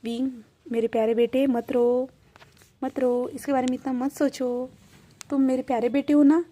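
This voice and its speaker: A woman's voice: sits high, flat delivery, normal speed, mellow. A woman voicing a doting, fussing mother. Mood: soothing. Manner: fussing, repeats endearments. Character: doting, bustling middle-aged mother.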